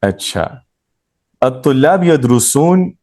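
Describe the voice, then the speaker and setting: A man's voice: mid-range voice, animated, slow pace, a little mellow. A man teaching a grammar class, explaining patiently and quizzing his students as he goes. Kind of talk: live class lesson.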